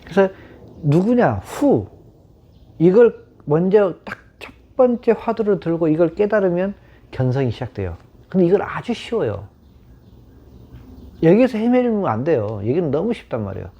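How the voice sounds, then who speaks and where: Male teacher, questions his audience, animated delivery, warm breathy tone, muffled recording. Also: high voice, moderate pace, pauses often. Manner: questions the audience, repeats key words. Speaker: meditation teacher. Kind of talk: Buddhist dharma talk. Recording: dull lo-fi sound.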